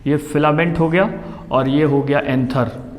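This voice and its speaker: A man's voice: a little high, steady tone. A man teaching a biology lesson, explaining a diagram step by step and repeating each term. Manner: explains slowly, repeats terms, mixes English terms into Hindi. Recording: long hall reverb.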